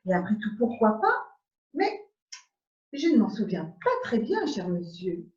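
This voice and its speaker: A woman playing a prim English lady in an absurdist stage scene, speaking in measured, repetitive exclamations of polite surprise over a video call. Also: medium pitch, big pitch swings, darkish tone. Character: prim English lady, mildly astonished, formal. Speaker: amateur actor. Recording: dull echoey room audio.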